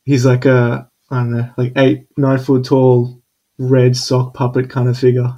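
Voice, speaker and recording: Young guy chatting, mellow dark voice, kinda monotone, lotsa ums. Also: mid-range voice, unhurried, highs cut off. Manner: laid-back, hesitant, many fillers. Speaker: conversation partner. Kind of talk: casual chat.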